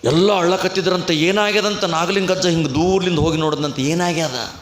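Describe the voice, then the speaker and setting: A man preaching a storytelling sermon at a village temple fair, with a North Karnataka Kannada accent and an animated manner. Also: sits high, moderate pace, roomy sound, in a large hall. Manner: animated storytelling, acts out voices. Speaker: swami preacher.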